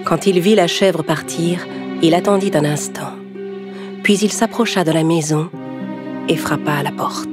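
Casting : une femme conteuse, ton posé, musique en fond. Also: female voice, on the low side, unhurried. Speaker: narrator. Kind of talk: scripted storybook narration. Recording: narration over music.

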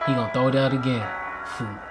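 A man's voice: medium pitch, steady tone, fast. A man co-hosting a casual music video reaction, talking loosely and acting out quoted lines in put-on voices.

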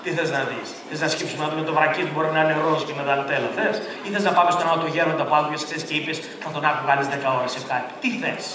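A man giving a lively seminar talk as a tourism trainer, animated and rising to near-shouts as he acts out quotes. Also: fairly high pitch, few pauses, crowd noise. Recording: echoey hall from far off.

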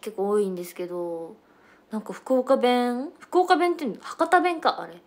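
A woman's voice: a little high, lively intonation, normal speed. A young woman from western Japan hosting a casual livestream, chatting with viewers and mixing regional dialects as she talks. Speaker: idol livestream host.

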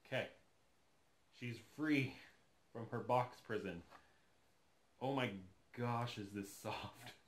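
He speaks in a mid-range voice, slowly and with frequent pauses. A vlogger in his thirties who collects dolls, he is opening one on his living room sofa, chatting casually and thinking aloud with enthusiasm.

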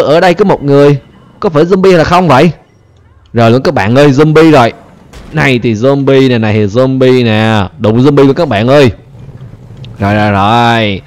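A man with a Vietnamese accent hosting a gaming channel, talking excitedly and chattily to viewers over his gameplay, often repeating phrases. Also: fairly high pitch. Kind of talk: casual game commentary.

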